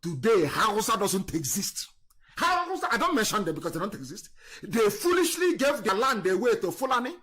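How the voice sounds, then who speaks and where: A fiery man delivers a scornful political monologue on a live online stream, his voice sitting high. He drives points home with repeated jabs, then drops to a low mutter before rising again. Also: lively intonation, a little fast, slightly rough. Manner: fiery, scornful, repetitive insults; swings between loud emphasis and low muttering. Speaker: political broadcaster.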